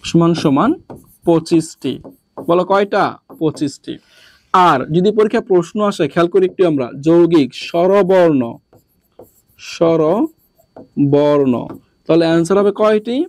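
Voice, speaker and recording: A male teacher from Bangladesh drills his students, firing off questions and then answering them himself, dropping to a lower voice. His voice sits high, and it is recorded close and dry with no room sound. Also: fast talker, dry recording. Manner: repetitive, drilling. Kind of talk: classroom lesson.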